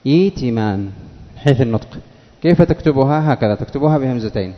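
A male teacher giving a classroom lesson, patiently asking questions and repeating words slowly for his students. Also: medium pitch. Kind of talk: classroom lesson on Arabic spelling. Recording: dull lo-fi recording, long reverb of a hall.

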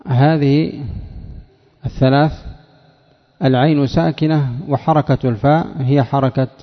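A man teaching a grammar lesson, quizzing students by name and spelling out word patterns deliberately, in what sounds like a classroom. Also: mid-range voice, gravelly. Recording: echoey room, dull lo-fi sound.

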